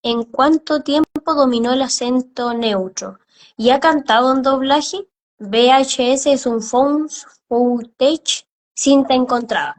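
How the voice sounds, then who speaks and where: A woman's voice: sits high, takes it slowly. A woman, hosting an interview and talking loosely in run-on phrases. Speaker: host. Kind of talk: casual interview chat.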